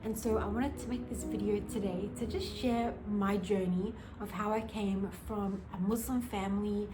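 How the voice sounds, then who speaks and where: A woman's voice: medium pitch, fairly even intonation, normal speed, noisy background. A young woman from Australia, telling her life story to camera in a casual, earnest way, full of "like" fillers. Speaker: vlogger. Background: music.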